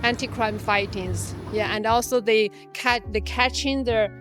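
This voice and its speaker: A woman from Shanxi, China, working as a hostel staff guide, explains a site in English with a Mandarin Chinese accent. Her voice sits on the high side with fairly even intonation, and her halting tour talk is full of restarts, fillers and self-corrections. Music plays in the background.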